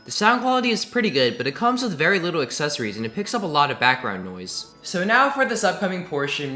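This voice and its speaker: Man, tech reviewer, upbeat, fairly high voice, echoey room, faint music behind. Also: bright, forceful tone. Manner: upbeat, enthusiastic. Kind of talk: scripted product review. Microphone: desk USB condenser mic. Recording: roomy echo, faint music.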